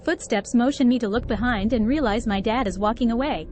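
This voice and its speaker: High-voiced woman reading a horror tale. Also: a little fast, a little mellow. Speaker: story narrator. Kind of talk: first-person horror story reading. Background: faint background music.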